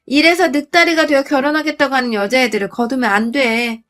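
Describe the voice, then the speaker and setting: A woman's voice: sits high, steady tone, a little fast, fairly bright tone. A woman voicing a scornful middle-aged sister-in-law who sneers with contempt. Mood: sneering.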